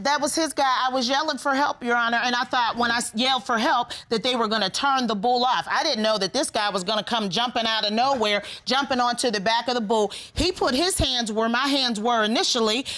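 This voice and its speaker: High-voiced woman testifying as a TV court litigant. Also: brisk, few pauses, fairly bright tone. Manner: earnest, addresses the judge formally. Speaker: plaintiff in TV court.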